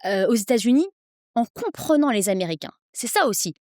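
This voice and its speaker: A woman in her thirties, an English coach, speaking persuasively as a podcast guest, with energetic quick bursts. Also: on the high side, no echo, studio quality. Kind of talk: podcast interview.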